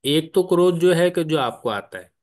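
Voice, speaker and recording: A man's voice: fairly high pitch, expressive, moderate pace, darkish tone. A man guiding a spiritual study group online, explaining patiently step by step and asking questions as he goes. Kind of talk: spiritual discussion. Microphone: online call.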